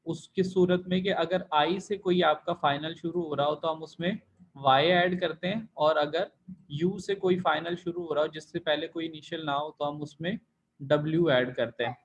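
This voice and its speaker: A man's voice: a little high, fairly even intonation, moderate pace, low-quality recording. A man teaching a Chinese language class online, explaining rules patiently and repeating each point step by step. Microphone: computer mic in video call.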